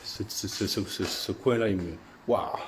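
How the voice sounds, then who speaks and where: A middle-aged man filming his own paranormal investigation inside an old house on a handheld camera, talking in a halting way with many restarts. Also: on the low side, background noise. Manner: hesitant, repeats himself often. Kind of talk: casual vlog narration.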